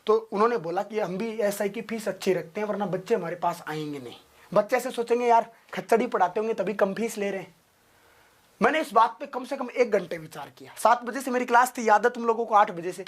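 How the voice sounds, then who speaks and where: A young man, a teacher from India, giving his students an impassioned motivational talk, his voice climbing to loud, emotional pleading. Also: sits high, a little fast.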